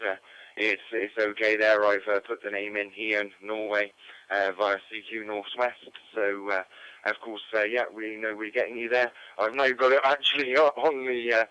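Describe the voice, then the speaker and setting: A man's voice: lowish voice, sharp tone, clear, resonant tone, dry recording. A man acting as net control on an amateur radio net, talking casually with many hesitant fillers. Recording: dull lo-fi radio audio.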